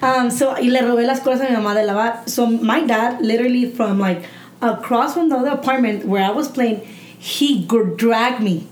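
A woman with a somewhat high voice tells frank, animated stories with plenty of swearing, in casual podcast talk. The recording is roomy and echoey, with faint noise beneath. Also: a little fast. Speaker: podcast participant. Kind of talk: casual chat.

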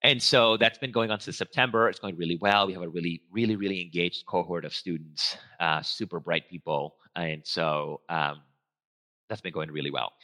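A low-pitched man gives a casual talk on stage. His voice is bright and forceful, and he wanders through his points with lots of "um"s, restarts and quick self-corrections. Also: steady tone. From Venezuela. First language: Spanish. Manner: rambling, full of fillers and restarts. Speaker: guest speaker, research trainer.

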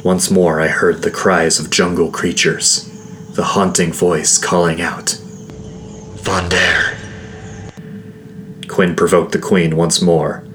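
A man reading a first-person fantasy novel aloud as an audiobook narrator, in a measured, grave storytelling manner. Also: sits low, level tone, a bit bright, slight background noise.

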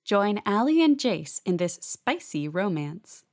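A woman reading a scripted promotional introduction in a smooth, inviting tone. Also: mid-range voice, very animated, unhurried. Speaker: announcer.

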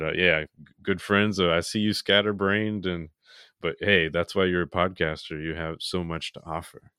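A man's voice: low voice, sharp tone, clear, resonant tone, no room sound, studio quality. A man co-hosting a podcast in casual chat, laid-back and philosophizing. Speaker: podcast co-host.

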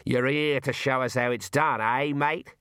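A man's voice: medium pitch, fairly even intonation, a little slow, fairly bright tone, clean tone, dry recording, studio quality, close to an everyday voice. A man doing a blunt suspicious sheep shearer. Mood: gruff.

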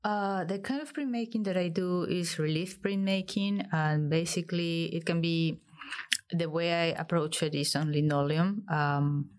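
A woman with a low voice, originally from Peru, talks about her work as a guest in an interview. She speaks in a thoughtful, hesitant way, pausing often with ums and uhs as she works out her thoughts. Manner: hesitant, thoughtful, many fillers. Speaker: guest artist. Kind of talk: interview conversation.

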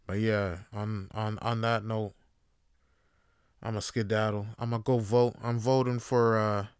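Speaking at a measured pace in a smooth, level, dry voice, a Toronto podcast host lets loose a rambling, foul-mouthed solo rant, recorded dry. He shifts back and forth between loud eruptions and quiet musing.

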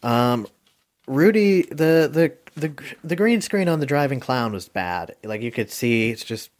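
A man's voice: medium pitch, expressive, measured pace. Rambling man reviewing a movie. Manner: rambling, hesitant, many ums and likes, chuckles. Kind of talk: casual podcast movie review.

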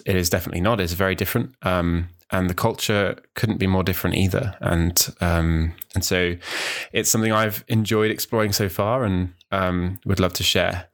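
Rambling loosely with many ums and restarts, a young adult podcast host from New Zealand works through his show's introduction in a casual solo monologue. He is studying languages, and his voice sits very low.

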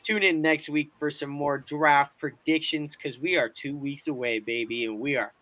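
A young man with a forceful, bright voice pitched a little high. He hosts a sports podcast in a casual style, with slangy frat-bro enthusiasm. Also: fairly even intonation, normal speed. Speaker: podcast host. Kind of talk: casual hosting and live reaction.

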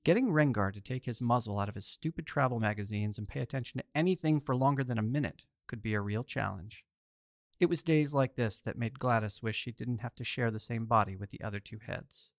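A man's voice: medium pitch, brisk, vocal fry, dry recording, studio quality. A man hosting and narrating an audio story collection in a theatrical storyteller manner. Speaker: host and narrator.

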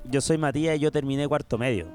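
A man's voice: medium pitch, quick pace, loud music behind the voice. A young Chilean man co-hosting a podcast, wisecracking and self-mocking. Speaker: podcast co-host. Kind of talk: casual chat over a call.

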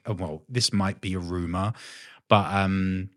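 Deep-voiced man chatting on a podcast. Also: fairly even intonation, unhurried, dry recording. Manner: rambling, self-correcting, swears casually. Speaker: podcast host, tattooer. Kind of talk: casual chat.

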